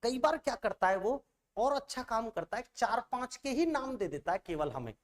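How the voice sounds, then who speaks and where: A man's voice: very high voice, big pitch swings, moderate pace. A male teacher giving an online exam-prep coaching lecture, chatty and always checking in with students through rhetorical questions.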